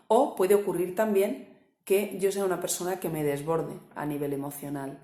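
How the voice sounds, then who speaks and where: A woman coach, calmly explaining a topic with examples and often checking with the listener. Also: sits low, reverberant. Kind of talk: explanatory talk to camera.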